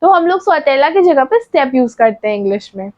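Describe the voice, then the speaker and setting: A woman teaching English words, asking what each word is called and then repeating the answer slowly. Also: sits high, sing-song, highs cut off. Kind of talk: vocabulary lesson.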